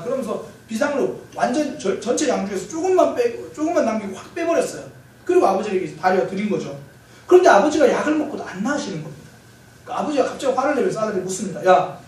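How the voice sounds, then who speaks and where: A man preaching a Sunday sermon as pastor, telling stories in a lively way with light humor. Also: very high voice. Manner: lively storytelling with self-corrections and light humor. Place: church sanctuary. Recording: very echoey church hall, mic far off, faint hiss.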